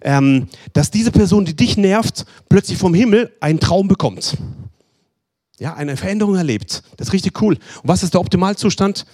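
A man's voice: sits high, normal speed. A man preaching a sermon, pleading with listeners and acting out short dialogues. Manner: pleading, repetitive, addresses listeners directly; animated, acts out short dialogues in other voices.

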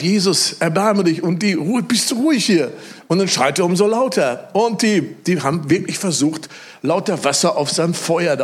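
A male preacher giving a lively sermon, telling stories and acting out the voices of the people in them, often repeating phrases for emphasis. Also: a little high, breathy edge. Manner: animated storytelling, acts out quoted voices loudly; emphatic repetition.

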